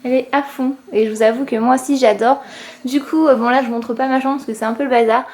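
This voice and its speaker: A young woman, a family vlogger, chats casually to the camera indoors in her apartment, enthusiastic and full of fillers. Her high voice is fast, a little mellow, with fairly even intonation.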